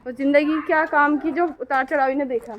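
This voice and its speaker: This casual vlog narration comes from a middle-aged woman filming in the city and at home, who keeps tossing questions to her audience. She talks fast in a high, steady voice. Some slight background noise can be heard.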